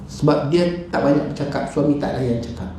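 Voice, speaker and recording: A middle-aged man with a Malaysian Malay accent, preaching in a lively mosque talk that jumps up and down in pitch as he acts out his stories. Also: fairly quick, gravelly. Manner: animated storytelling, acts out his wife and callers. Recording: echoey hall with faint noise.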